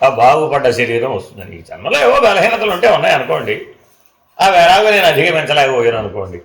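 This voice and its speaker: A man, a spiritual teacher, giving a Vedanta discourse. He chants Sanskrit verses slowly and asks questions that he answers himself. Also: a little high, vocal fry, fairly bright tone, echoey room, rough recording.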